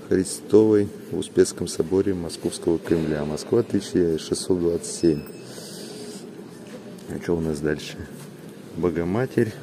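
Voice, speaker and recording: A man's voice: deep voice, dark tone, a little hiss or hum. A man vlogging inside a large cathedral, with cathedral echo on his voice, hesitantly reading the signs aloud with filler sounds. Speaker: travel vlogger. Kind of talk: casual vlog narration, reading signs aloud.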